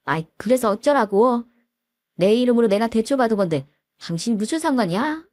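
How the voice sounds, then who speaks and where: A woman's voice: on the high side, expressive, a little fast, darkish tone, dry recording, pitched above the performer's own voice. A woman voicing an angry husband who barks and scolds. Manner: barking, scolding. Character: angry husband defending his family.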